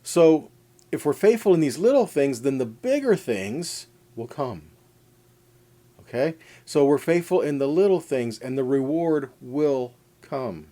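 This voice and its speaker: A man with a medium-pitched, warm voice speaks in an animated but unhurried way. He is a preacher teaching a scripture lesson in an informal, conversational sermon with scripture readings, addressing listeners directly and driving points home with repeated, parallel phrases.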